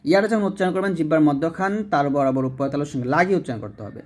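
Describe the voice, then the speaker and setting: A fairly high-voiced man leading a Quran recitation lesson. He explains each letter patiently and then chants the phrases slowly, stretching the long vowels for his listeners to repeat.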